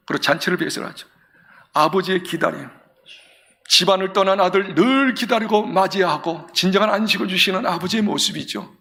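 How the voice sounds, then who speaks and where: Give me a bright, high-voiced male pastor preaching. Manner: emphatic, many rhetorical questions. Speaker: senior pastor. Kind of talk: sermon.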